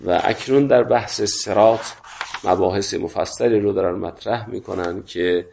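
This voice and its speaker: A man with an Iranian Persian accent, stuffed up with a cold, teaches religious philosophy in a halting, deliberate lecture, reading and explaining a classical text. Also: lowish voice, gravelly, darkish tone, a little hiss or hum.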